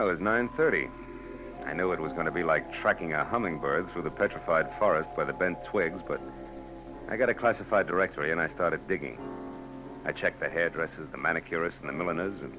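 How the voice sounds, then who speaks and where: This low-quality old radio broadcast, with music playing underneath, features a man whose low voice moves fast and sounds close to everyday speech. As the narrator and lead of a 1940s drama, he plays a world-weary, wry private eye telling the story of his case.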